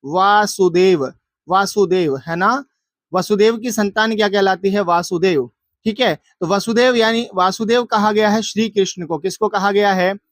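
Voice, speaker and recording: A man with a high voice goes through exam questions like a teacher. He poses each question aloud and answers it himself, repeating key words to drill them in. The sound is dry and close. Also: a little slow, no room sound. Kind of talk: exam answer walkthrough lesson.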